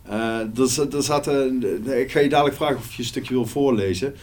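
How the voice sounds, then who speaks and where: A man's voice: medium pitch, brisk, a little hiss or hum. Conversational male interviewer. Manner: conversational, with fillers. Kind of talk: casual interview.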